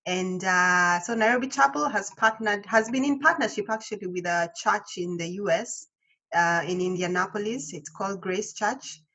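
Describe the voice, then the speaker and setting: Woman in her own words, a husky guest, chatty and hesitant. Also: medium pitch, moderate pace, bright, forceful tone. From Kenya. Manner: chatty, hesitant with many ums. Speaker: missionary guest. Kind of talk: casual interview chat.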